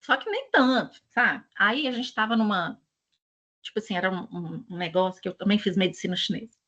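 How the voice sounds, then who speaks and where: A woman's voice: mid-range voice, animated, brisk, bright, forceful tone, highs cut off. A woman with a Brazilian Portuguese accent, presenting an education channel and talking casually to her audience in a chatty, digressive, storytelling way.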